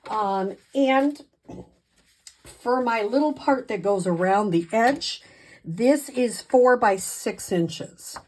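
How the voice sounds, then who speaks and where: A woman's voice: a little high, slow, darkish tone. A woman giving a casual craft tutorial in a chatty, hesitant way, with a slight lisp as after dental work. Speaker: craft demonstrator and video host.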